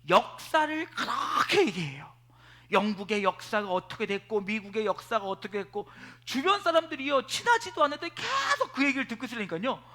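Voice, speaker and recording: A male pastor preaching a sermon at a church service, telling stories in an animated way and swinging between loud and hushed delivery. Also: high voice. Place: church sanctuary.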